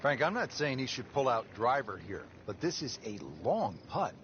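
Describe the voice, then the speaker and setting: A man working as lead golf commentator, calling play-by-play in a measured, polished broadcast delivery. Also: mid-range voice, sing-song, a bit bright. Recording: dull lo-fi game audio, noisy crowd ambience.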